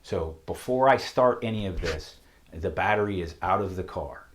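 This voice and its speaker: A Southern-accented auto mechanic instructor stands at a whiteboard in a shop, walking through a technical how-to in a methodical, plain-spoken manner. His voice sits low and is expressive, at a moderate pace, with slight background noise.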